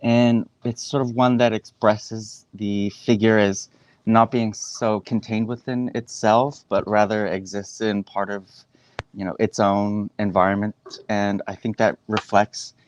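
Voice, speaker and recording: A man's voice: on the low side, flat delivery, measured pace. A man, answering interview questions thoughtfully and hesitantly, with many fillers. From Boston, USA. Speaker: guest artist. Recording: dull dry lo-fi line.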